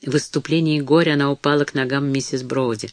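A man narrating an audiobook in a steady, measured reading voice. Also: medium pitch, no echo.

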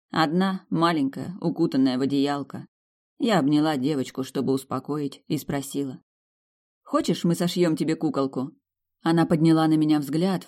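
A woman reading a first-person fantasy novel aloud, in a sharp, sardonic storytelling manner. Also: deep voice. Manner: sharp, sardonic storytelling with lively acted asides. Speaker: audiobook narrator. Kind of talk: first-person audiobook narration.

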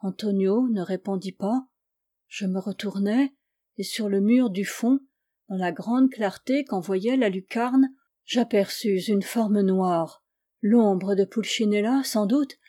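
Mellow-voiced woman reading a tale aloud. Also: medium pitch, slow. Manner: expressive, dramatic storytelling. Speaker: audiobook reader. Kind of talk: literary audiobook narration.

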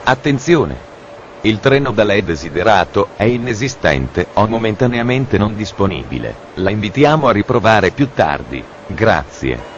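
A man making deadpan, formal mock train announcements, as if heard over a train station PA system. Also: lowish voice, moderate pace, muffled recording, slight background noise.

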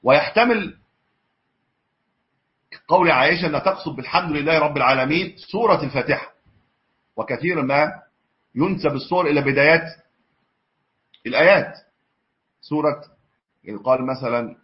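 A man's voice: a little high, a little fast, long pauses. A man teaching a religious lesson on hadith, mixing classical with colloquial asides and correcting himself as he goes. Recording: dull lo-fi lesson recording.

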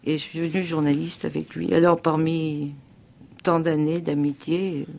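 An older woman recounts her past for the radio in a gravelly, creaky voice. She speaks haltingly, with fillers and restarts, and brings the words of others to life as she tells her story. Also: sits low, flat delivery, warm tone. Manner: vivid storyteller quoting others. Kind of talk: spoken memoir on radio.

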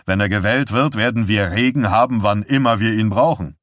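A relaxed male businessman speaks with an easy grin in his voice, as a man voices him in an audiobook. The tone stays light and unbothered, recorded close and dry. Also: on the low side, fairly quick, no room sound, natural voice. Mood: amused. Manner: easygoing, chuckling ease.

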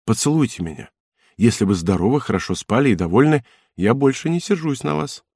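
A man's voice: medium pitch, animated, a little fast, gravelly, a little mellow, slightly rough, no room sound, studio quality. A man reading an audiobook, voicing Cosette, a playful young wife who pouts, teases and pleads in a capricious way. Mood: pleading. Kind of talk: audiobook character voice.

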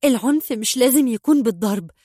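A woman's voice: a little high, expressive, fast, mellow, dry recording, studio quality, voice pushed up. A woman voicing an anxious young wife and mother with an Egyptian accent, pleading and indignant by turns. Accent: Egyptian Arabic. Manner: pleading, then scolding and indignant.

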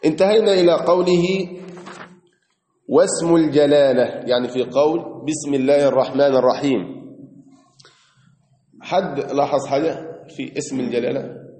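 A man with an Egyptian accent teaches a religious lesson in a mosque, his voice sitting a little high for a man. He reads a passage, then slows down and draws out the key words to explain them. The hall rings with a long, roomy echo. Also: warm tone. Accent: Egyptian Arabic. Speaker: Islamic teacher. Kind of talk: mosque lesson commentary on a creed text. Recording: echoey hall with long reverb.

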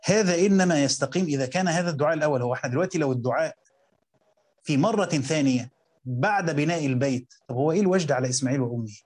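A man with an Egyptian Arabic accent teaching a Quran commentary lesson, reading quotes slowly and then explaining them in colloquial talk while questioning his students. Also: fairly high pitch, darkish tone, slightly rough.

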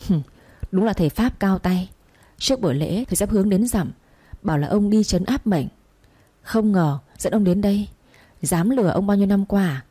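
A woman's voice: mid-range voice, animated, moderate pace, warm tone, husky, no echo. A woman voicing an enraged old husband and head of the house who barks stern orders.

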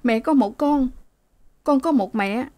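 A woman's voice: lowish voice, measured pace, mellow, no room sound, lightly acted. A woman voicing a poor, heartbroken older mother who pleads through tears, in an audiobook reading. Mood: pleading, tearful. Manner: pleading and tearful.

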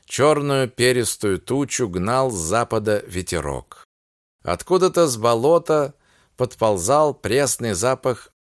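A male audiobook narrator telling a literary story in a slow, measured way. His pitch moves in lively turns through each sentence. The sound is dry and close, with no room around it. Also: no room sound.

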